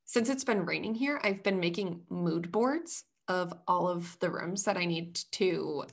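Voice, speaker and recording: Woman cohosting a chatty podcast, kinda low voice, animated storyteller, laughs a lot. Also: measured pace, creaky. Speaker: podcast co-host. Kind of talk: casual chat. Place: away from home, recording remotely. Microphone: headphones over both ears.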